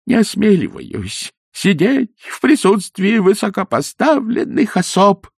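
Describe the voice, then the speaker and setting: A man voicing a crafty, fawning middle-aged priest who begs in drawn-out, groveling tones. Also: sits high, sing-song, gravelly, darkish tone, slightly rough, no echo, studio quality, voice pushed up, full character voice. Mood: pleading.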